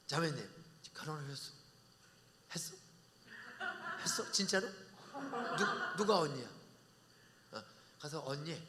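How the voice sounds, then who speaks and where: Give me an older male pastor with a high, forceful voice, preaching a revival sermon with blunt, joking asides and shouted bursts. He leads the congregation in call-and-response. His voice rings out through a large sanctuary with a long reverb tail. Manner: blunt colloquial banter with sudden shouted peaks. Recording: long church hall reverb.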